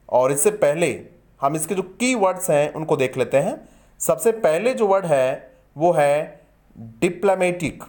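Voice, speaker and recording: A man from India teaching English vocabulary from newspaper editorials, speaking slowly and deliberately, spelling out words and repeating them. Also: on the high side.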